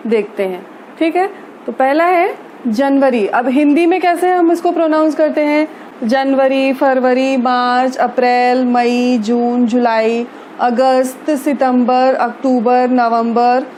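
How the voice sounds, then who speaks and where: Woman teacher with a high voice and unhurried delivery, spelling words out patiently over faint background noise. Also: a little mellow. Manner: slow, patient, spells words letter by letter and repeats "theek hai". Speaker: English teacher. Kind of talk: spoken English lesson in Hindi.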